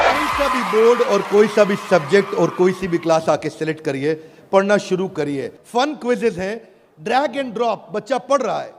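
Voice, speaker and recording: A man giving a rousing product pitch on stage, throwing rhetorical questions at his audience. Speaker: presenter on stage. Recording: long hall reverb.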